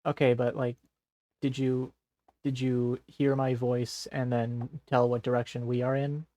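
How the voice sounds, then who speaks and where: A man's voice: mid-range voice, level tone, unhurried, mellow. A man streaming a game, chatting casually and explaining things patiently in simple steps. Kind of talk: casual gameplay chat.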